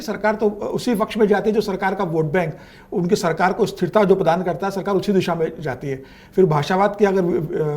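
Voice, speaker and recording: A man's voice: high-pitched, a little mellow. A middle-aged man from Madhya Pradesh, a senior journalist arguing his views emphatically on a panel. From Madhya Pradesh, India. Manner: emphatic, opinionated, quick to agree. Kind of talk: panel discussion.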